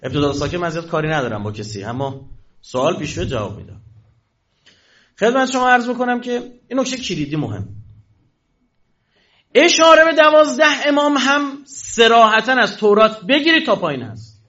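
A man's voice: sits high, sing-song, long pauses, fairly bright tone. A man giving a religious lecture to an audience, asking questions and answering them himself. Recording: dull lo-fi recording.

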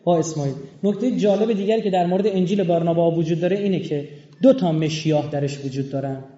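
A man with a high, mellow voice delivers an emphatic religious lecture, spelling out words letter by letter. The recording is dull and lo-fi, with a roomy echo around him. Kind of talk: religious lecture with scripture readings.

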